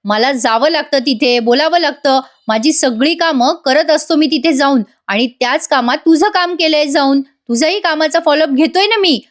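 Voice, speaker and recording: A woman's voice: high-pitched, moderate pace, hardly any pauses, voice pushed up, natural voice. Defensive older father, read by a woman. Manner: explaining and irritated.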